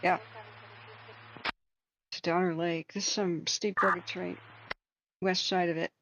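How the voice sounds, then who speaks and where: A woman's voice: fairly low pitch, little pitch movement, a little slow, noisy background. A woman hosting a livestream with casual wildfire-tracking commentary, thinking aloud in a conversational way. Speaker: livestream host.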